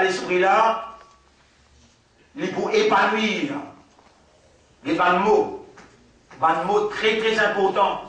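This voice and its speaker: A man with a Mauritian accent giving a religious lesson, repeating words slowly and mixing French with Arabic recitation. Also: high-pitched, sharp tone. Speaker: Islamic teacher. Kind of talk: religious lesson after dawn prayer. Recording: very echoey room, from a distance.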